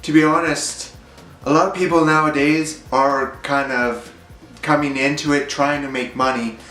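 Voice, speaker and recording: A man's voice: on the high side, fairly even intonation, moderate pace, pushed and bright, echoey room, faint music behind, poor audio. A young man rambling through a casual vlog monologue, hesitant and full of fillers. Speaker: YouTuber.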